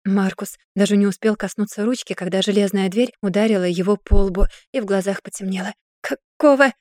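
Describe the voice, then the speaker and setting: A woman narrating an audiobook in an even, steady storytelling manner. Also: medium pitch, brisk, no echo, clean studio sound.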